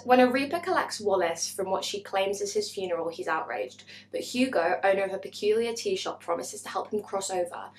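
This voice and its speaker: A woman, chatting bubbly and self-mocking through a book haul vlog. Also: medium pitch. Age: 20s. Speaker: booktuber. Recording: echoey room.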